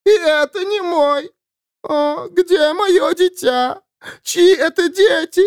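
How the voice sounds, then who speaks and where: A man doing a shrill wailing dead woman. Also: takes it slowly, no echo, studio quality. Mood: wailing grief. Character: wailing dead woman hunting her lost child.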